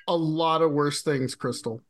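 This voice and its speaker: Talkative man, notably high voice, rambling anecdote style, podcast guest. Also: measured pace. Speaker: game player, podcast guest. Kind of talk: casual chat.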